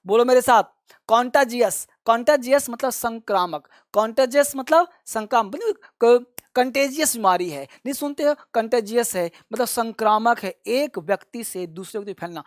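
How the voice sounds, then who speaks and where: A man teaching English vocabulary for exam prep, explaining words in Hindi and drilling them with call-and-repeat, reading example sentences very slowly. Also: extremely high pitch, no room sound, studio quality.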